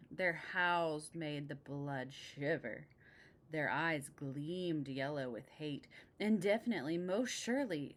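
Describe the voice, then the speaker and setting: A woman reading a picture book aloud expressively, adding casual asides about the pictures. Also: deep voice.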